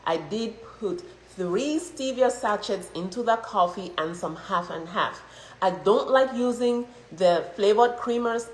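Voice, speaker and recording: A woman from Cameroon chatting through her day's meals, laughing often and stressing words with lively emphasis. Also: mid-range voice. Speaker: health vlogger. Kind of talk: casual show-and-tell vlog. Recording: echoey room.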